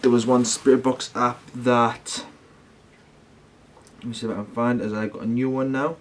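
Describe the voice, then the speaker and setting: A man speaks to his viewers in a casual vlog style. His delivery rambles and doubles back on itself, full of slangy, matey phrasing, at an ordinary male pitch. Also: level tone, moderate pace, a little hiss or hum. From United Kingdom. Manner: rambling, slangy, with self-corrections. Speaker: paranormal investigation vlogger.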